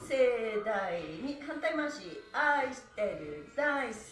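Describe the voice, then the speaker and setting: In a small room at home, a middle-aged woman on a floor mat leads a live stretch session, chanting counts cheerfully and laughing, with soft background music. She speaks slowly at a fairly high pitch with big swings. Her voice comes from far off, recorded by a distant camera in an echoey space.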